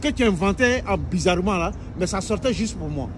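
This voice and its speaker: A man's voice: high-pitched, lively intonation, brisk. Earnest man interpreting on a noisy street. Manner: earnest, self-assured, repeats yes and voilà. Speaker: street interpreter, prank target. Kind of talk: improvised interpreting.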